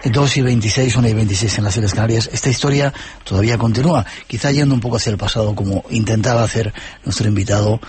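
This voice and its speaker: Brisk radio host, man. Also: fairly low pitch, darkish tone, slight background noise. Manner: brisk host, reads time checks, prompts guest. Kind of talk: late-night radio interview.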